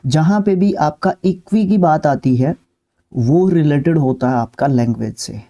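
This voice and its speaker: Mellow-voiced man teaching vocabulary. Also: fairly high pitch, unhurried, lo-fi sound. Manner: repetitive, with "ठीक है" check-ins and filler sounds. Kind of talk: explanatory lesson, talking through word lists.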